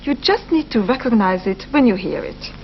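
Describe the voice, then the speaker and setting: A woman's voice: on the high side, animated, moderate pace. A woman presenting a language course, carefully explaining and repeating phrases for learners. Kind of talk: scripted educational narration. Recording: slightly muffled broadcast audio, faint hiss.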